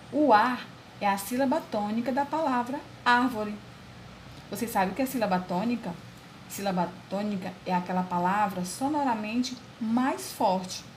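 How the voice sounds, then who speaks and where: A woman teacher with a Brazilian Portuguese accent gives a video lesson to children, speaking slowly and spelling out syllables one by one. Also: a little high, a little hiss or hum. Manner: slow, deliberate, spells out syllables; religious blessing, addresses class warmly as "turminha".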